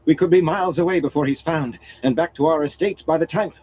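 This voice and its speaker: A man voicing a shrill, frightened noblewoman who is sharp-tongued and scheming, reading her lines in an urgent, shrieking manner. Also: quick pace, slightly rough, no room sound, lo-fi sound.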